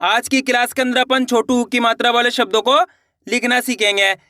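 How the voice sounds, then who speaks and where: A man's voice: very high-pitched, little pitch movement, a little fast, pushed and bright, dry recording, studio quality. A man teaching a lesson step by step, asking questions and answering them himself, with an Indian Hindi accent. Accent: Hindi-speaking India. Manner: repeats words, asks and answers own questions.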